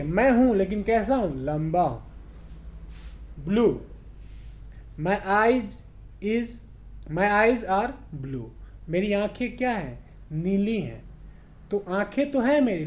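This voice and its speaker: Slow, patient male English teacher. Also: sits high, mellow. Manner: slow, repetitive, checks understanding often. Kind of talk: spoken English lesson in Hindi.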